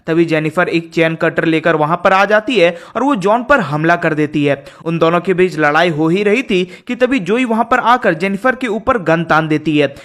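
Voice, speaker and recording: High-voiced man narrating a movie recap. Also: fairly bright tone.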